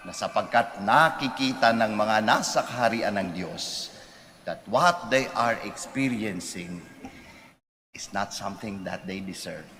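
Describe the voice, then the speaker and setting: A man with a Filipino accent, a priest reading scripture and preaching with deliberate, emphatic phrasing in an echoing church. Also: lowish voice, fairly bright tone. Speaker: priest giving gospel reading and homily. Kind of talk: solemn scripture reading and homily. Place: large church. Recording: cathedral-like echo, long reverb, background noise.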